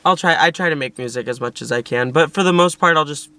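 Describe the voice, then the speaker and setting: A man's voice: a little high, fast, pushed and bright, clean tone. A young man chatting casually with his girlfriend in a couple's vlog, rambling with lots of "like". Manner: chatty, nervous-sounding recounting, frequent "like". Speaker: vlogger, boyfriend.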